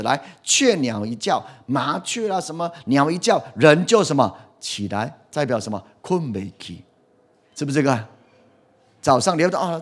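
A middle-aged man preaching a sermon. He keeps asking the congregation questions and swings from loud to soft. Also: medium pitch. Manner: lively, asks the congregation questions, animated swings in loudness. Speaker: pastor.

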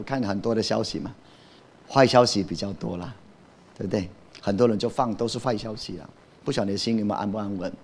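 A man preaching a sermon as pastor, emphatic, often asking the congregation a question and answering it himself. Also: on the low side.

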